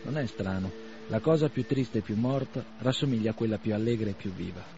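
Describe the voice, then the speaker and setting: A man narrating a novel aloud in a measured, expressive radio reading. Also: on the low side. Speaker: reader. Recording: slightly dull radio recording with faint noise.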